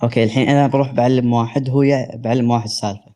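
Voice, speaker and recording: Fast-talking man caller in dialect. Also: mid-range voice, steady tone, warm tone. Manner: colloquial dialect speech, hesitant fillers. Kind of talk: live call-in debate.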